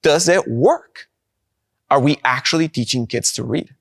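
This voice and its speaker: A man delivers a conference keynote in a mid-range voice. He is upbeat and slows down to land his key points. The sound is dry and close, with no room echo. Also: mid-range voice, creaky. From Guatemala. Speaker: presenter of a product.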